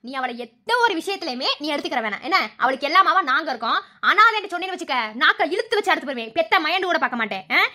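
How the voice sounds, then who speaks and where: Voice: extremely high pitch, animated, very fast, few pauses, bright, forceful tone, heavily acted. A performer voicing a fierce older grandmother in a cartoon, with a Madurai Tamil accent, scolding and threatening in a mocking way. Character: old mother-in-law, fierce grandmother of the house. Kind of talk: cartoon voice acting.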